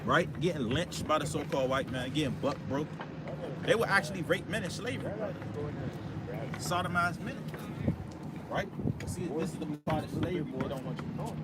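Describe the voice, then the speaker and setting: A man's voice: on the high side, animated, fairly quick. A man preaching outdoors on a riverwalk, stressing each point with "right?" and "brother". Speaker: street preacher. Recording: distant outdoor recording with loud traffic noise.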